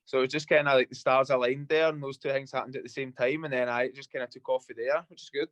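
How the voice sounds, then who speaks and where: Fast-talking Scottish man, dry close sound. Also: medium pitch, fairly even intonation, dry recording, dull audio. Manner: laid-back, sweary, rambling. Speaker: guest DJ and producer. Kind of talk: casual interview chat. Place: radio studio.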